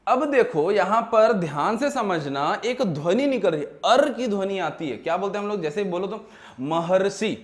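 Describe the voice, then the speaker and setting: A man's voice: sits high, expressive. A male teacher from Chhattisgarh giving a grammar lecture, asking questions and answering them himself, drawing out words as he explains. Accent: Chhattisgarh Hindi. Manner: asks questions and answers them himself, repeats key terms; slow, drawn-out words when spelling things out.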